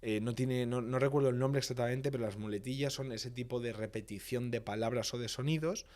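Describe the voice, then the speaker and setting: His medium-pitched, darkish voice moves briskly as this public speaking expert from Valencia, Spain, lays out his ideas on a podcast. He lists points didactically and emphatically, repeating phrases for rhythmic effect.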